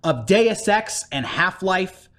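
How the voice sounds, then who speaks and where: A man in casual podcast chat giving a game review, animated and swearing freely. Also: sits high, takes it slowly. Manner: animated, swearing, acts out scenes in mock voices.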